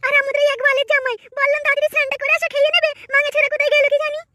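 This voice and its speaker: A performer voicing a scolding, foul-mouthed village mother-in-law in a comic cartoon, shrill and. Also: flat delivery, racing, sharp tone, no room sound, clean studio sound. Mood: irritated.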